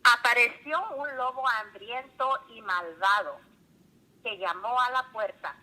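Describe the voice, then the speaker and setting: A woman reading a children's story aloud in a slow, clear storytelling manner. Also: on the high side, sharp tone, low-quality recording.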